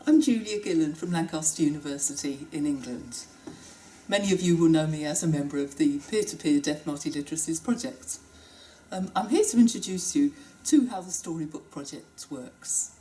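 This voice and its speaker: A woman researcher explaining step by step how to run a classroom project, in a lively, guiding manner. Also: sits low, normal speed, low-quality recording. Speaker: university researcher. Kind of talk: instructional explanation.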